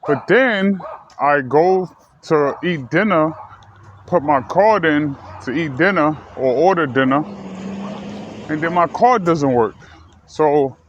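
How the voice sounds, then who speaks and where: A man from the United States talking casually and earnestly to his viewers, rambling and correcting himself as he goes. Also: fairly high pitch. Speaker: vlogger. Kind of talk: casual personal talk to camera. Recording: slightly dull lo-fi recording with faint ambient noise.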